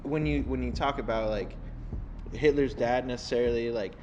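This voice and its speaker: A man as a podcast guest, chatting casually and haltingly with many filler "likes", in a reverberant empty brewery. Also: mid-range voice, highs cut off, noisy background. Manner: halting, peppered with "like". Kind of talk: casual chat. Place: large empty brewery, indoors.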